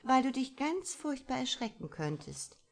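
A woman voicing a flirtatious middle-aged woman who talks in a coquettish, teasing way, her voice lifted higher than her narration. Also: very animated, a little slow, creaky, full character voice.

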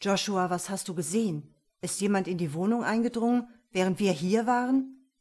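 A woman's voice: mid-range voice, normal speed, a little mellow, close to an everyday voice. A woman reading an audiobook, voicing a probing middle-aged male police inspector.

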